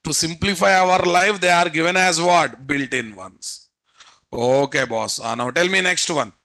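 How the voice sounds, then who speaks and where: A man's voice: on the high side, a little slow, pushed and bright. A man with an Indian Telugu accent giving a live technical lecture, prodding students with repeated questions. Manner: prodding, repetitive rhetorical questions. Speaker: programming instructor.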